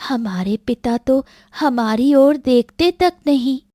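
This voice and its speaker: A woman's voice: high voice, slow, dark tone, dry recording, clean studio sound, voice pushed up. A woman doing a hurt young village girl. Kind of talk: Hindi cartoon story dubbing.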